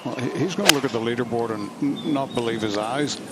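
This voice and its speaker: A man's voice: medium pitch, fast talker, very noisy. A man giving live golf commentary with a wry, jokey manner.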